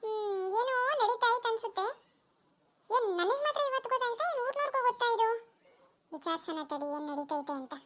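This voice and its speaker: A woman's voice: very high voice, fast, fairly bright tone. A woman voicing a curious village busybody in a cartoon, muttering nosily to herself. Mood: nosy.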